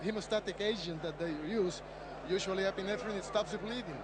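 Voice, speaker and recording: A man's voice: sits high, steady tone, fairly quick. A man giving explanatory interview answers as a ringside doctor. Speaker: ringside physician. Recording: arena crowd and background noise.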